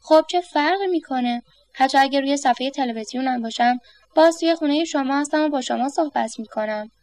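A woman's voice: high-pitched, darkish tone, lightly acted. A woman voicing a poised female TV newsreader who stays cool and unemotional. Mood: nonchalant.

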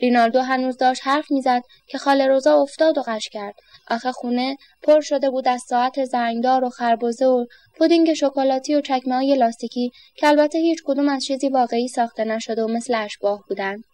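A woman reads a children's story aloud in a gentle storytelling way. Her voice is high-pitched, and the recording is close and dry with no room echo. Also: fairly even intonation.

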